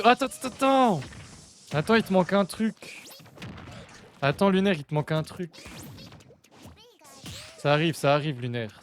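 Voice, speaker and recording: A young man chatting casually on his live stream, excitable and talking to his chat while watching matches. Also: mid-range voice, slight background noise.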